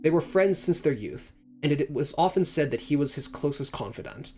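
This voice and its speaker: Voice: mid-range voice, lively intonation, a little fast, over music, natural voice. A person reading out a formal, apologetic letter in their own voice during a visual novel read-through.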